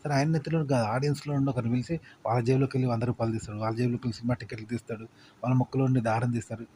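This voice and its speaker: A man's voice: medium pitch, steady tone, rapid-fire, mellow, slight background noise. A man explaining in a casual, rambling spoken lesson, repeating points with fillers. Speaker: content creation teacher.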